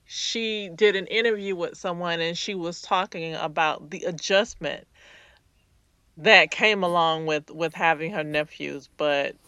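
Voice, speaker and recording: A woman's voice: lowish voice, unhurried, sharp tone, clear, resonant tone, dry recording. A woman co-hosting a casual chat, asking questions and laughing easily. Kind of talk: casual chat about a reality show.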